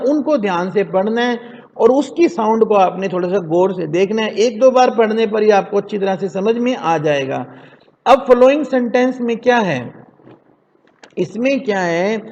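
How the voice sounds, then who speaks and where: A man teaching an English lesson to children in Hindi, slowly drilling words for them to repeat. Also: sits high, darkish tone. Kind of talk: classroom lesson explained in Hindi. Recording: dull echoey classroom recording.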